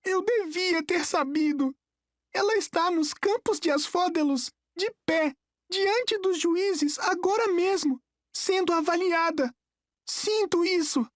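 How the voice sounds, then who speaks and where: A woman's voice: very high voice, slow pace, no echo, voice pushed up. A woman with a Brazilian accent voicing a furious, grieving young boy who screams near tears, recorded dry and close. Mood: eerie. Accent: Brazilian Portuguese.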